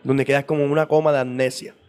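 A man's voice: mid-range voice, little pitch movement, fast talker, a little mellow, smooth. A man explaining in casual interview talk, at length, with frequent repeats and restarts. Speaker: guest on esoteric topics.

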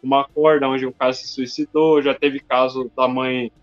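A man's voice: medium pitch, little pitch movement, normal speed. A man from Brazil chatting casually, full of slang and filler words. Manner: slangy, peppers speech with "mano" and "tá ligado". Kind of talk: casual chat. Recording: dull lo-fi recording with faint music.

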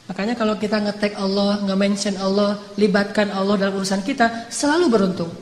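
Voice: mid-range voice, fairly quick, slight background noise. Preacher telling stories in an echoey hall. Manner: lively storyteller mixing casual slang with chanted Arabic verses. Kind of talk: storytelling sermon. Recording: echoey hall with long reverb.

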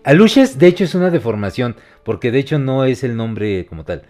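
A man's voice: mid-range voice, sing-song, a little fast, a little mellow. Mexican man explaining folklore casually. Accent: Mexican Spanish. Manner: explanatory, loose, mild swearing. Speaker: co-host. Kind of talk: casual podcast chat.

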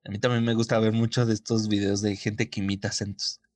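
A man's voice: lowish voice, little pitch movement, fast talker, a little mellow. A man, chatting casually and telling rambling anecdotes. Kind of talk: casual chat.

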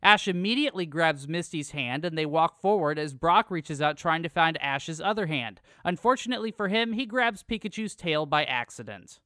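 Bright, crisp-voiced podcast co-host. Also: male voice, a little high, lively intonation, normal speed, few pauses, no echo, clean studio sound. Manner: jokey, reads episode summary from script. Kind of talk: casual recap chat.

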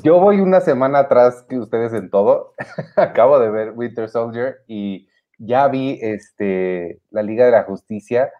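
A man's voice: medium pitch, measured pace. A man co-hosting a podcast in casual chat, chiming in conversationally. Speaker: podcast co-host. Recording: dull lo-fi sound.

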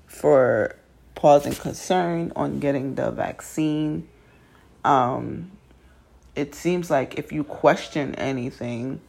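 A woman's voice: sits low, vocal fry, mellow, slightly rough. A woman vlogger in a groggy morning voice, talking casually to her viewers and giving her opinions with plenty of ums. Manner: chatty and opinionated, loose with many ums. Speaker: vlogger hosting her own channel. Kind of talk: casual talk to camera.

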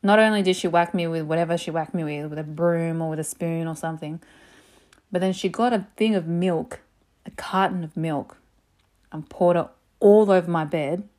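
A woman telling personal stories in a casual, animated way, swearing freely and saying "like" a lot. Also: on the low side, moderate pace. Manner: animated, profane, lots of "like". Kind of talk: casual storytelling.

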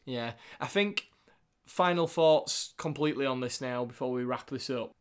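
A man's voice: mid-range voice, normal speed, smooth. A man with a Northern English accent hosting a film podcast in an informal, jokey, sweary chat style. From England. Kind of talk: casual chat.

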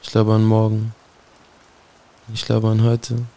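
A man's voice: lowish voice, completely flat delivery, measured pace, dark tone. A man performing a spoken-word poem in a solemn, brooding way, speaking directly to someone he addresses. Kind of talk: spoken-word poetry recitation.

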